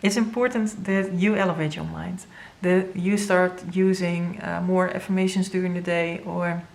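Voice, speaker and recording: A woman with a Dutch first language giving an earnest, halting tarot reading to viewers, with many fillers and moments where she grows emotional. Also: on the low side, fairly even intonation, vocal fry, darkish tone. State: emotional, near tears. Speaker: tarot reader.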